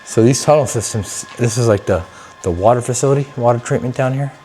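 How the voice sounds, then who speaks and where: A man's voice: mid-range voice, a little fast, warm tone. A man hosting an exploration vlog, chatting casually to viewers with slangy, sweary speech as he walks through underground passages. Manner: profane, slangy. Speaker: host of an urban exploration vlog. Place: underground corridors and tunnels of abandoned building. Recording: noisy handheld recording in underground tunnels.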